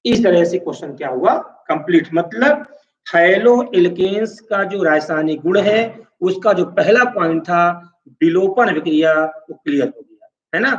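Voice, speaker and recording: High-voiced male teacher in an echoey room. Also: lively intonation, moderate pace. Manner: explains step by step, checking in with "है ना" and "ठीक है"; asks the class questions and answers them himself. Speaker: chemistry teacher. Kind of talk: classroom lecture. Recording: echoey room, distant mic, dull lo-fi sound.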